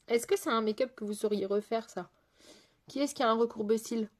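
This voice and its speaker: A woman's voice: a little high, normal speed, a little mellow. A woman makeup artist chatting casually through a live makeup tutorial, answering viewers' comments as she works, with lots of fillers and sentences that trail off.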